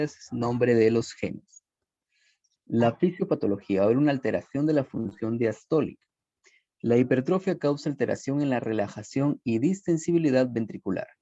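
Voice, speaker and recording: Mellow man giving a recorded medical lecture. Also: mid-range voice, no room sound. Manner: steady explanatory delivery with fillers and self-corrections. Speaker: presenter of a medical class. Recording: dull lo-fi voice recording.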